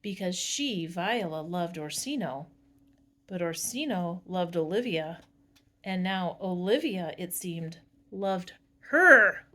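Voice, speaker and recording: A woman's voice: lowish voice, expressive, takes it slowly, pushed and bright. A woman teaching a drama class, reading a story aloud with expression and stopping to explain the staging.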